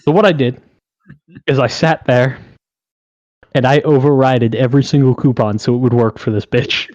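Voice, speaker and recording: Young man, podcast co-host, profane animated storytelling, lo-fi sound, dry room. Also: mid-range voice, normal speed, no echo. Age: young adult.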